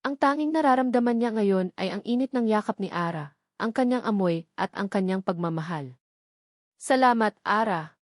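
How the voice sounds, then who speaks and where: A woman with a Filipino accent narrates a scripted romance story in a medium-pitched, slightly mellow voice at a brisk pace. The recording is studio quality with no echo.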